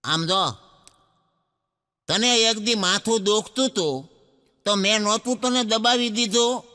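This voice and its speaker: A man's voice: sits high, measured pace, bright, forceful tone, in a large hall. Man putting on a bossy old mother-in-law. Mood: scolding. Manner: scolding, bossy old village woman. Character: sharp-tongued old mother-in-law, woman.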